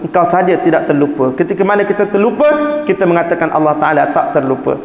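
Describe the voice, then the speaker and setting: A man gives a religious book lesson in a mosque, his voice sitting fairly high for a man. He talks conversationally and keeps turning to his listeners with quick check-ins. The hall around him rings with a long, roomy reverb. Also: animated, lo-fi sound. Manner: conversational teaching, fillers like "nah", "ha", "tak?". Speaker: religious teacher.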